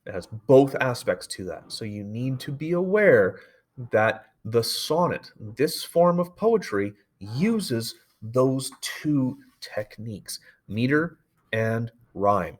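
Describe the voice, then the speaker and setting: A man's voice: medium pitch, very animated, slow pace. A male teacher giving a recorded poetry lecture, explaining in a loose, explanatory way with frequent fillers and self-corrections.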